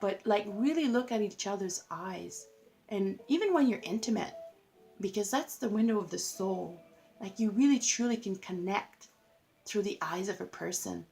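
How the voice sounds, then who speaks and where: A woman's voice: medium pitch, animated, normal speed, creaky, dark tone. A woman giving a casual tarot reading to her viewers, chatty and effusive, filling her talk with "like" and laughing at herself. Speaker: tarot reader.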